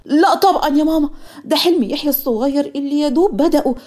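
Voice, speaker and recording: A woman voicing a spirited young Egyptian woman, a student, lively and teasing, in a cartoon story. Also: sits high, fast talker, voice pushed up, natural voice.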